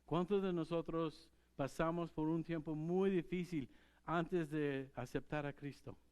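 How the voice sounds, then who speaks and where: A man's voice: a little high, fairly even intonation, measured pace, darkish tone, clean tone. A man preaching a sermon as pastor, talking in a conversational way and putting questions to the congregation. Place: church.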